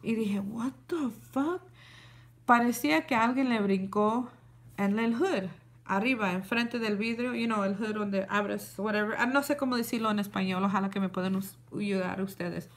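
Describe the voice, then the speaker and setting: Woman, young adult, casual storytelling, animated, code-switching. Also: mid-range voice, moderate pace. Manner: animated, switches between Spanish and English. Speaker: vlogger. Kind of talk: casual storytime to a live audience.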